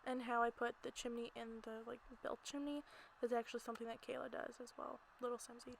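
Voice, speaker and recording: A woman with a fairly high, barely moving pitch talks fast with some vocal fry, narrating her gameplay in a casual, rambling, giggly way. She's an amateur video creator recording in a small closet at home, and the poor audio carries noticeable background noise.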